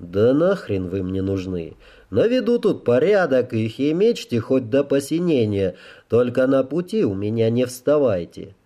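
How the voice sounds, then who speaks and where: A man's voice: medium pitch, big pitch swings, unhurried, warm tone. A man voicing a hard, commanding male leader who speaks curtly and with cold menace, in an audiobook. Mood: brusque. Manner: curt and brusque.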